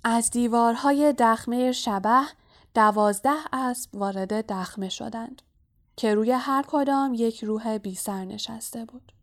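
A woman narrating an audiobook in a measured, even storytelling voice. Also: medium pitch.

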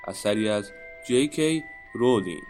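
Guy announcing the title slowly, loud xylophone music under him. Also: lowish voice, expressive.

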